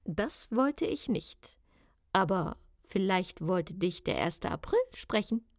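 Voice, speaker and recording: A woman voicing a kind, gently amused school headmistress in a storybook. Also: fairly high pitch, sing-song, a little fast, dry recording, clean studio sound, pitched above the performer's own voice.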